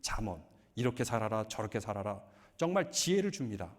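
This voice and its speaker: A man's voice: fairly low pitch, brisk. A man preaching as a pastor, mixing humorous stories into his sermon. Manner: joking, lively storytelling. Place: church sanctuary. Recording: long hall reverb.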